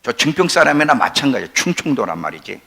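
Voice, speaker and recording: A man in his sixties preaching a sermon as pastor, emphatic, swinging from near-shouts down to low, quiet asides. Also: sing-song, quick pace, vocal fry. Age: 60s.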